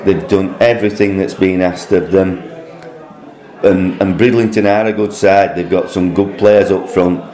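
A man, a club secretary speaking upbeat and plainly after a match. His voice is very deep. The sound rings with a roomy echo. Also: fairly even intonation, measured pace, warm tone. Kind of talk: post-match interview. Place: football stadium.

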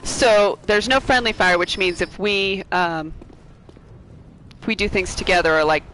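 A woman streaming a video game, chatting casually with her viewers and a co-op partner, bubbly and quick to laugh and joke. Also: medium pitch, fairly bright tone, poor audio. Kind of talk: casual live-stream chat.

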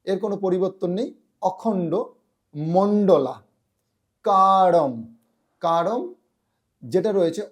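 A man's voice: on the high side, warm tone. Man teaching careful mantra pronunciation. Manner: slow, drawn-out syllable-by-syllable pronunciation; chants lines in a melodic tune. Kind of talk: explanatory lesson.

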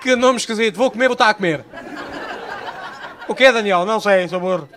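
A young man with a Portuguese accent doing live stand-up, bantering loudly with the audience and swearing freely. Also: sits high, a little fast. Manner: loud, profane banter with the audience. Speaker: stand-up comedian. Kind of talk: live stand-up with crowd work. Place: comedy stage before a live audience. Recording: live show with faint crowd noise.

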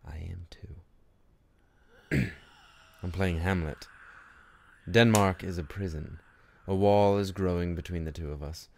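Man acting a low, brooding, unhinged Hamlet. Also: slow pace, vocal fry, long pauses, heavily acted. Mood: sardonic. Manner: brooding, dramatic, sardonic, slipping into whispers and outbursts. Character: bitter, brooding, unhinged Hamlet, a tormented young prince. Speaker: performer in a student radio play. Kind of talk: theatrical radio-play monologue. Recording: noisy amateur recording with ambient effects.

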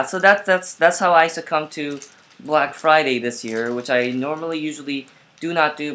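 A man's voice: mid-range voice, bright, forceful tone. A man telling a casual vlog story at home, rambling with many fillers and restarts, recorded on his laptop webcam. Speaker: vlogger.

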